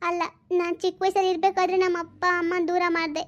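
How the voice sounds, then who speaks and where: A woman's voice: little pitch movement, fast, muffled recording. A woman playing a worried young mother who pleads and frets in a homemade family drama. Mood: despairing. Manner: tearful, pleading, high and thin. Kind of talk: amateur audio family drama.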